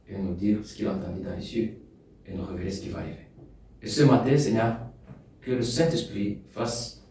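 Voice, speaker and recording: In an echoey hall, a Rwandan preacher whose first language is Kinyarwanda delivers a sermon in a lowish voice. He grows loud and emphatic on key points and softens when he prays, picked up by a distant mic.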